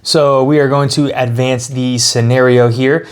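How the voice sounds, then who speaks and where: A man's voice: mid-range voice, fairly even intonation, measured pace, smooth. A man hosting a casual tabletop game walkthrough, explaining the rules step by step and thinking aloud as he plays. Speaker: host explaining and playing a card game.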